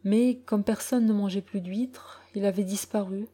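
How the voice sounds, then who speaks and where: A woman narrating a classic short story as an audiobook, in a measured, even storytelling manner. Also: medium pitch, husky. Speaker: audiobook reader.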